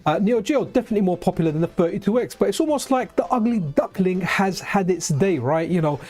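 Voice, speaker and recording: A man with a high voice talks fast while hosting a live retro gaming stream, chatting excitedly, restarting often and tossing asides to his viewers.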